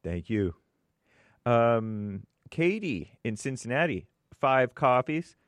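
A man's voice: mid-range voice, very animated, slow pace, no room sound. A man co-hosting a show, reading viewer messages aloud in a plain, matter-of-fact way with small asides.

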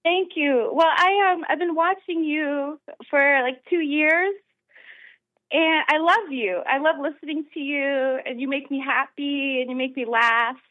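A woman's voice: sits high, steady tone, measured pace, no room sound. An American woman calling in to a talk show, speaking in a hesitant, earnest way over the phone. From United States. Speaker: caller. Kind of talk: phone-in conversation. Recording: tinny phone line.

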